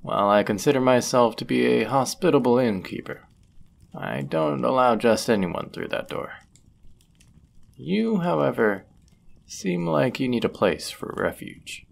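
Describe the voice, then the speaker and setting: In a scripted roleplay audio drama, a man plays a flirtatious, courteous medieval fantasy innkeeper, addressing the listener with formal, ornate, teasing phrasing. His mid-range voice is creaky and unhurried, with lively intonation and a full character voice, and his mood is gracious and attentive.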